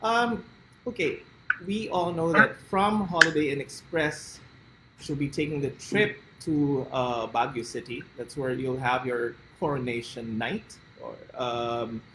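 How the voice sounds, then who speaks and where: A man's voice: medium pitch, a little slow, noisy background. A man with a Filipino accent hosting a pageant interview, upbeat, mixing English and Tagalog. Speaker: interview host.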